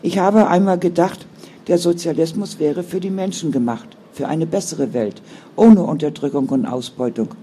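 A man's voice: a little high, moderate pace, mellow, slight background noise, close to an everyday voice. A man voicing a firm, caring older sister who speaks in an earnest, sometimes stern way. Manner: stern then soothing, earnest.

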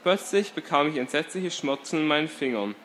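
A man's voice: on the high side, expressive, brisk, a bit bright, a little hiss or hum. Man reading a story aloud. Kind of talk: first-person story reading.

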